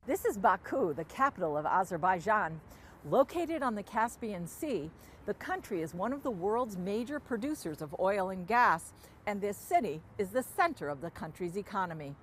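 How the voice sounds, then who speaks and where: A woman's voice: mid-range voice, very animated, moderate pace. Woman reporting amid background noise. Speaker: news correspondent. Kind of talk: on-location scripted news report.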